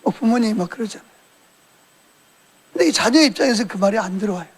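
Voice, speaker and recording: A male pastor with an unusually high voice that is gravelly and husky delivers a sermon. He tells it like a story, in an everyday conversational tone. He acts out the lines people say as he retells the events. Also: quick pace. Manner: colloquial storytelling, animated retelling with quoted dialogue.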